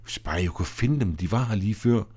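A man voicing a stern man who takes charge and orders the others to calm down, in an audio drama. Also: lowish voice, slightly rough. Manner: stern, commanding.

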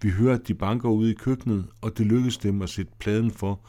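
A man reading the stage directions of an audio drama in a plain, steady way. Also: on the low side. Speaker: narrator. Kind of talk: scripted audio drama narration.

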